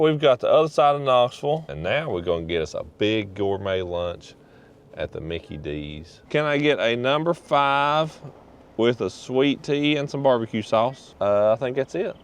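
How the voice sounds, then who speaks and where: Low-voiced man vlogging casually. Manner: relaxed, joking, folksy. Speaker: professional bass angler, vlog host. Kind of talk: casual vlog narration.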